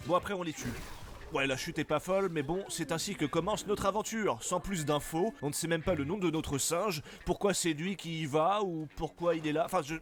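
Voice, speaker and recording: A man's voice: a little high, a little fast, soft background music. A man giving humorous, scripted game narration in an irreverent, crude, slangy way. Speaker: video game reviewer.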